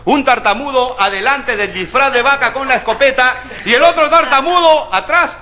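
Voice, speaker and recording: A man's voice: very high voice, moderate pace, bright, forceful tone, a little hiss or hum. A man telling jokes and chuckling through them. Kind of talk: joke telling.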